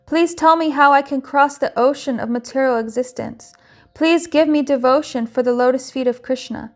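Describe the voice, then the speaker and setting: Kobieta czytająca żarliwy młody boski nauczyciel. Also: female voice, high-pitched, moderate pace, close to an everyday voice. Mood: pleading. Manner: earnest, instructive reading of quoted speech. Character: young male divine teacher, fervent and devoted.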